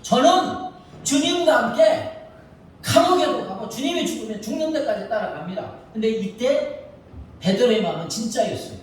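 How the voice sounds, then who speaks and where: A male pastor preaching a sermon, telling the story with lively, acted-out quotes. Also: very high voice, moderate pace, very echoey, distant mic, slight background noise, poor audio. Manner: animated storytelling, acting out quoted lines. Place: church sanctuary.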